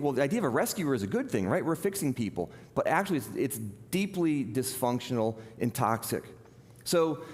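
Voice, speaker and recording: A man's voice: on the high side, a little mellow. A middle-aged man preaching a sermon as a pastor, talking in a conversational, self-deprecating storytelling way. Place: church hall. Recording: long reverb of a large hall.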